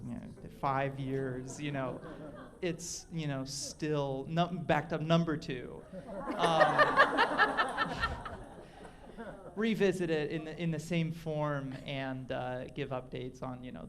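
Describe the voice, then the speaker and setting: A man's voice: mid-range voice, a little hiss or hum. A man in the audience at a live podcast event who asks a long, rambling question full of fillers and restarts. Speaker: audience member asking a question.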